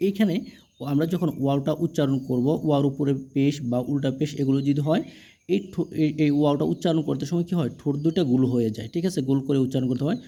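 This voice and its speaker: A man's voice: on the high side, quick pace, mellow. A man with a Bangladeshi Bengali accent teaching Quran reading, drilling letters and vowel marks patiently and checking understanding with questions. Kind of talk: spelled-out Arabic letter drill lesson.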